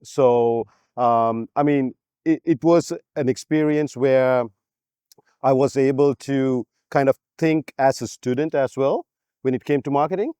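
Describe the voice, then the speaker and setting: A man answering interview questions in a measured, explanatory way about working at his old school. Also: mid-range voice, warm tone, clean tone, dry recording. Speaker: alumnus guest.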